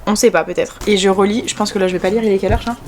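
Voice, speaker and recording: A woman's voice: mid-range voice, steady tone, rapid-fire, a little mellow, slight background noise. A young adult woman chatting in a casual, rambling way as a vlogger. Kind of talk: casual vlog chat.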